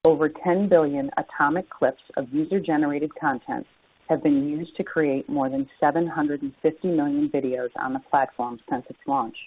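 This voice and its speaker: A woman with a low-sitting voice delivers a formal, scripted earnings presentation as a company executive on a conference call. The narrowband phone line sounds dry and tinny, with no room sound.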